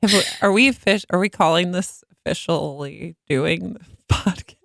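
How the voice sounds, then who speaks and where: A woman's voice: lowish voice, normal speed, creaky, fairly bright tone, dry recording. A young woman co-hosting a podcast as a stand-up comedian, casual chat with a dry, teasing manner.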